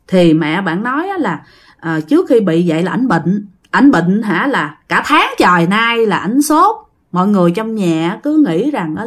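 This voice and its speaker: Lively Southern Vietnamese woman telling a ghost story. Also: medium pitch. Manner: chatty, addresses listeners directly, acts out quoted speech. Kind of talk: casual spoken ghost story narration.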